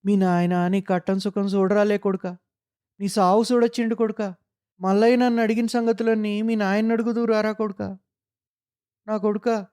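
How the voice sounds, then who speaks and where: A man's voice: high voice, little pitch movement, moderate pace, darkish tone, smooth, pitched above the performer's own voice, close to an everyday voice. Man voicing a wailing, grief-stricken village mother. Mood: anguished. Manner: keening, sing-song lament. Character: grieving village mother wailing over her dead son. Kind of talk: dramatic storytelling.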